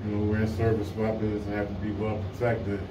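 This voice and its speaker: A man's voice: fairly low pitch, completely flat delivery, quick pace, highs cut off. A man talking casually as a citizen questioning police. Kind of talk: casual conversation. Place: small indoor police station lobby. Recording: echoey, noisy, distant lobby recording.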